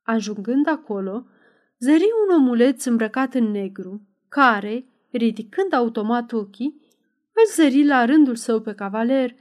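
A woman reading an adventure novel aloud in measured audiobook narration. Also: a little high, a little mellow. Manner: measured storytelling, raises voice for dialogue.

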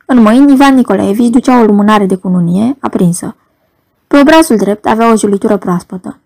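A woman narrating an audiobook in a measured storytelling manner. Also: mid-range voice, creaky, darkish tone.

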